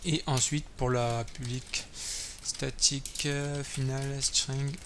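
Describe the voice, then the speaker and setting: A man's voice: mid-range voice, level tone, takes it slowly, fairly bright tone, a little hiss or hum. A man hosting a coding tutorial, thinking aloud while typing, with many fillers and self-corrections. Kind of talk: screen-recorded coding tutorial. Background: keyboard typing and clicks.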